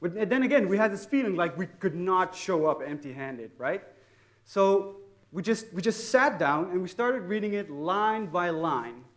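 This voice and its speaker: A man's voice: sits high, animated, normal speed, a bit bright. A young man with a Dutch accent telling an audience about his student project, often repeating words and poking fun at himself. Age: young adult. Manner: hesitant, repeats words often, self-mocking humor. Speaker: student speaker. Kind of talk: personal story told to an audience.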